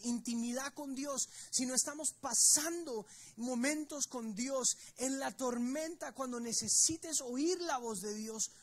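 A man preaching a sermon to his church, telling the story with emphasis and speaking straight to the congregation. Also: very high-pitched. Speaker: pastor. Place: church service.

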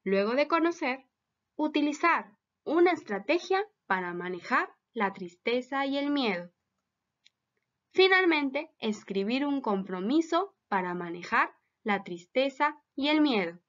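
A woman's voice: high-pitched, big pitch swings, measured pace, a bit bright, highs cut off. A woman teacher giving a recorded lesson for children, patiently asking them many questions.

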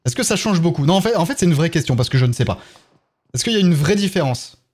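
Lively French-accented male streamer. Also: on the high side, fast, breathy edge. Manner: chatty, thanks viewers one by one while playing. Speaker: game streamer. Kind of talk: casual live-stream chat.

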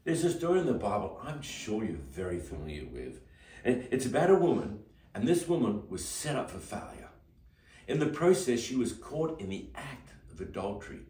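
A man's voice: mid-range voice, sing-song, normal speed, mellow. A male pastor giving a short devotional talk, telling a Bible story in an earnest, emphatic way. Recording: roomy, mic at a distance.

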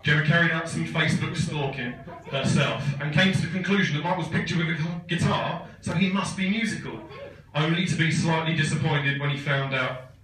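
This best man, in his thirties, speaks a little fast in a high, slightly bright voice, poking fun with dry humour. The setting is a large wooden barn wedding hall, and the phone camera far back in the crowd captures distant echoes and guests laughing.

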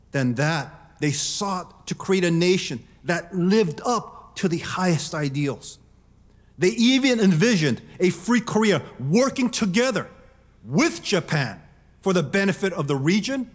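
A middle-aged man giving a formal prepared keynote speech from a podium, measured and emphatic. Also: sits high. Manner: measured, emphatic, gestures while speaking. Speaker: keynote speaker. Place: large conference hall. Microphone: podium microphone. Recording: long reverb of a large hall.

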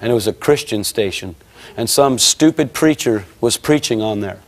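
A man's voice: medium pitch, normal speed. An American man giving his testimony at a church service, telling a vivid story and acting out the dialogue. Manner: lively storyteller, acts out dialogue, grows excited.

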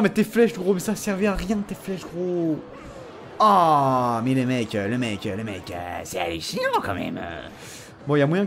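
A man talks through his game in a lively, swooping voice, slightly high, breaking into teasing taunts. He sounds excitable and a little tired, with faint music underneath. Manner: excitable, teasing, mock-threatening. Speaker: gaming channel host. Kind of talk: casual gameplay commentary.

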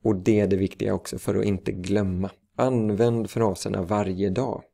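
A man teaching Swedish phrases for preschool work, speaking slowly and carefully with filler sounds. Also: on the low side, fairly even intonation, vocal fry, warm tone. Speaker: language teacher. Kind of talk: slow instructional explanation.

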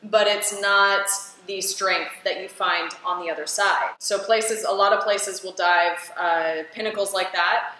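A woman's voice: medium pitch, fairly even intonation, measured pace, hardly any pauses, sharp tone, a little hiss or hum. A woman, a scuba diving instructor, chatting animatedly as she reacts to and explains dive footage. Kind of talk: casual reaction commentary. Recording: very echoey room, faint ambience.

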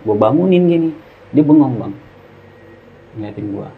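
A man's voice: medium pitch, expressive, normal speed. A man telling a story in casual slang and acting out the dialogue. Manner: slangy Jakarta-style speech, acts out dialogue. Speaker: guest storyteller. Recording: muffled lo-fi with faint hiss.

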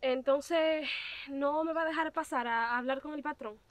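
This young woman's voice is high and natural, moving at a moderate pace with no echo. She is an actress in a web drama, portraying a modest yet persistent visitor who courteously presses her case at a gate on a country lane.

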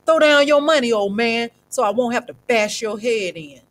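A woman voicing rough young male thugs who talk in a threatening, street-tough way. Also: fairly high pitch, normal speed, pitched above the performer's own voice, natural voice.

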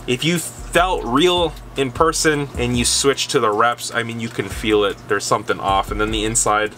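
Young man with a bright, forceful voice. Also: medium pitch, slight background noise. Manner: animated, talks straight to camera with gestures. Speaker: resale vlogger. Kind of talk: casual unboxing vlog. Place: dim gaming room at home.

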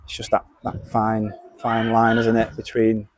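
Flat-voiced footballer. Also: male voice, lowish voice, measured pace, a little hiss or hum. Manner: flat, tag questions. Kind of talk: post-match interview. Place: outdoors at a football ground. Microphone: lapel mic.

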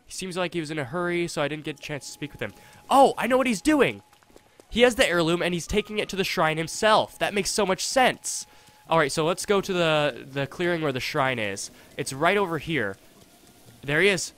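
A young man giving casual gameplay commentary, chatty and thinking aloud, with excitable reactions. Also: a little high. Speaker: let's play host. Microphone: desktop USB condenser mic.

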